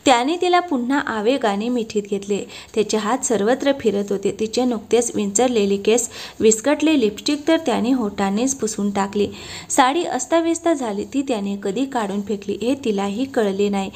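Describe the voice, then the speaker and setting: A woman narrating a romantic story in a soft, steady storytelling manner. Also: on the high side, normal speed.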